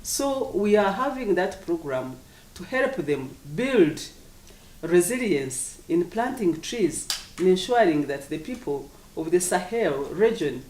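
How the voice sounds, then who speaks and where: An official with an African accent explains policy in an interview, speaking formally and deliberately, with emphatic repetition. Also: mid-range voice, very animated, a little mellow, a little hiss or hum. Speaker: government official, agriculture commissioner. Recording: echoey room, distant microphone.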